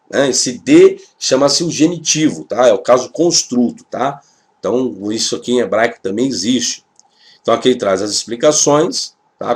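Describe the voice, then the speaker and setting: Casual Brazilian Portuguese Hebrew teacher. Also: male voice, medium pitch. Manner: explains step by step, often adding "tá?". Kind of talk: casual classroom explanation.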